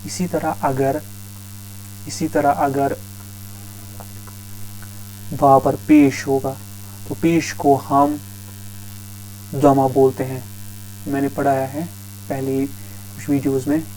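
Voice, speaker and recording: A man's voice: medium pitch, little pitch movement, slow pace, pauses often, dark tone, soft background music, low-quality recording. A man teaching a grammar lesson, patiently repeating each term several times. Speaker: Arabic teacher.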